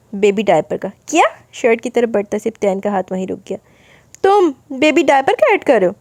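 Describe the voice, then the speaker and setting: A woman's voice: a little mellow, no echo. A woman reading a romance novel aloud, narrating and voicing the dialogue of each character. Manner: switches pitch for different characters' lines.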